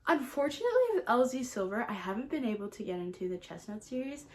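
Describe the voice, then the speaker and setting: A woman book vlogger chats casually with her viewers about books, gushing and emphatic, often repeating words for emphasis. Her voice is on the high side, animated, and she talks fast.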